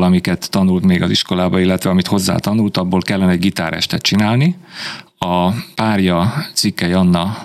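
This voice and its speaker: A middle-aged man, a band's spokesman, giving detailed explanations as a guest in a radio studio. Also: low-pitched. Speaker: band spokesman and organizer.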